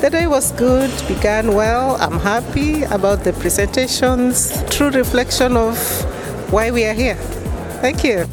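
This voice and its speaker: A woman from Kenya with a fairly high voice answers cheerfully and in few words in an interview. Music plays clearly behind her. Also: a little slow. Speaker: literature scholar.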